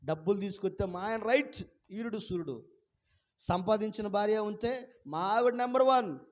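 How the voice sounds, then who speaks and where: A male pastor preaching a sermon to a congregation. He keeps putting questions to the listeners and urges them to call out their answers loudly. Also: high-pitched, normal speed. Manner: fires rhetorical questions at the congregation. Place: church before a congregation.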